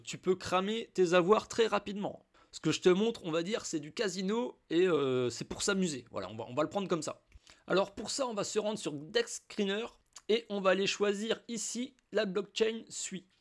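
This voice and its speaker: Chatty high-voiced French tutorial man. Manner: chatty, addresses viewer informally with many fillers. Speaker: crypto tutorial host. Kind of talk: casual screen-recorded tutorial.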